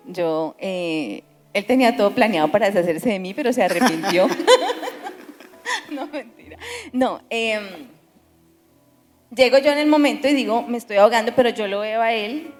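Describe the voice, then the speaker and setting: A woman shares a testimony from the stage, telling her story in an animated way and often restarting her sentences. Her voice sits at a middle pitch and carries a long hall reverb. Soft music plays behind her. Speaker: pastor. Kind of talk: testimony at a church service.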